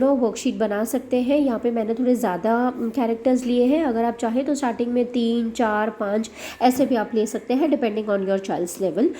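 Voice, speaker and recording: A woman's voice: fairly high pitch, warm tone. A woman explaining worksheets to parents in a hesitant, filler-heavy way, mixing English into her speech. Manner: hesitant, many fillers, mixes English into Hindi. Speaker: special education channel host.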